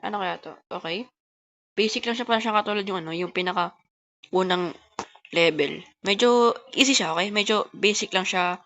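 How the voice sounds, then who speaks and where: A woman who talks fast, giving casual gameplay commentary and chatting to her viewers as host of a gaming channel. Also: medium pitch, a bit bright, dull audio. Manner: fast-talking.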